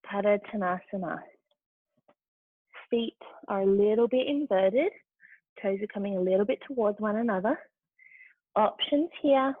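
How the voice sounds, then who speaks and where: Leading a guided yoga session, a woman with a mid-range voice offers brief, supportive prompts for every pose. Her audio is dry and tinny, like a phone, with no room sound.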